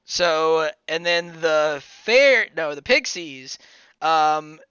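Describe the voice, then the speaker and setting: A man running a tabletop game as game master, halting, with many ums and uhs. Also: fairly high pitch, lively intonation, bright, forceful tone, clean tone, no room sound, muffled recording. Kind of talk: narrating a tabletop game over a call.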